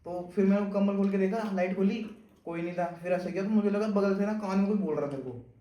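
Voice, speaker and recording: A young man calmly recounting a spooky night in a casual podcast chat. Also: high voice, a little fast, echoey room, dull audio. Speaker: podcast guest.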